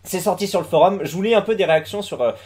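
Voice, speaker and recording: A man's voice: sits high, animated, very fast, a little mellow. A man giving casual live commentary, rambling with many fillers, restarts and crude slang.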